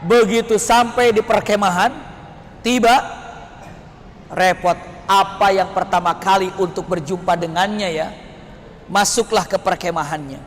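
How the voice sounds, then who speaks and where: A man's voice: high voice, fairly even intonation, measured pace, long pauses, big-room sound, a little hiss or hum. A man from West Java, preaching in a dramatic storytelling style and asking the audience questions. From West Java, Indonesia. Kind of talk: storytelling sermon.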